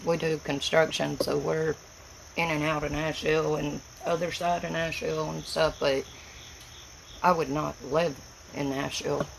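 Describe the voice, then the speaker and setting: Gravelly woman with an Appalachian Tennessee accent. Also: low voice, little pitch movement, moderate pace, noisy background. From Tennessee, United States. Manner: folksy, plain-spoken, rural speech. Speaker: livestream host. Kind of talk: casual rambling livestream chat.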